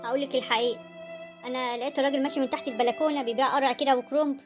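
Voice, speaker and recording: Woman voicing a soft, pleading older Egyptian mother-in-law. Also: high voice, steady tone, very fast, over music, natural voice. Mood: gentle. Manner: pleading, soft-spoken, self-effacing.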